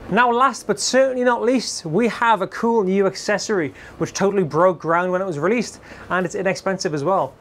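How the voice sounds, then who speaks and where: Geordie guy, music-shop presenter, bright chatty demo patter, high-pitched for a man. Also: a little hiss or hum. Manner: upbeat, chatty salesman patter. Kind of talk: product demo talk to camera.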